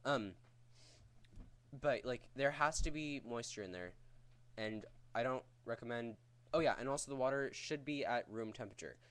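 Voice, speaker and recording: Bright-voiced guy giving a crude, casual tutorial. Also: mid-range voice, moderate pace. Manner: crude, jokey, profane. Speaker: vocal tutorial host teaching screaming technique. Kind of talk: casual, rambling spoken tutorial.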